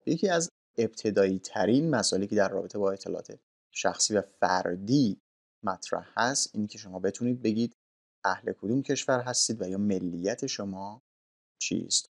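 A man teaching a recorded English lesson in a slow, formal, explanatory way. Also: on the low side, creaky.

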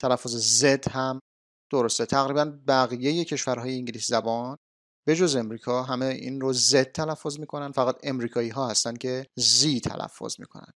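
Man, language teacher, patient, slow repetitions, dry sound. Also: medium pitch, steady tone, a bit bright, no room sound. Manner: patient, repeats words slowly for drilling. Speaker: English teacher. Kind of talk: explaining a language lesson.

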